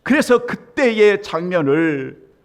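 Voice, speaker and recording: A man preaching a sermon as pastor, telling a story and acting out the voices in it, with sudden loud emphatic swells. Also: high voice, very animated, slow. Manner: acts out quoted voices in the story.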